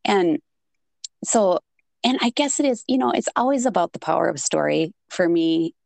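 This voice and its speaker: A woman from Minnesota with a plain Minnesotan accent talks in a low, gravelly voice. She chats casually as a podcast co-host. The mic is close and dry, with faint music behind. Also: moderate pace, a little mellow, no echo. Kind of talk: casual chat.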